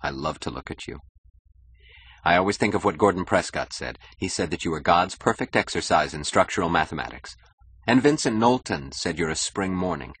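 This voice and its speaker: A man's voice: sits low, animated, fairly quick, a bit bright, husky, dry recording, heavily acted. A man voicing an insecure, status-hungry young husband who talks eagerly and boastfully in an audiobook. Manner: eager, boastful, nervously defensive. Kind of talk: audiobook character voice.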